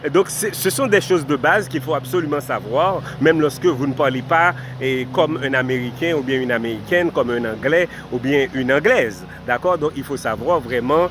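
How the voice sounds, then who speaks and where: Outdoors with background noise, a man with a mid-range voice speaks at a moderate pace with few pauses. He's a Haitian vlogger, Haitian Creole being his first language, delivering earnest life advice directly to the camera, formally addressing viewers and repeating points for emphasis.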